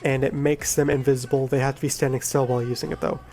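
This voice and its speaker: A man with a groggy voice from being sick, casually explaining a video game in a relaxed, rambling way and correcting himself as he goes. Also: medium pitch, fast talker, faint music behind. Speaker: gaming video creator. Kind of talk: casual game guide talk.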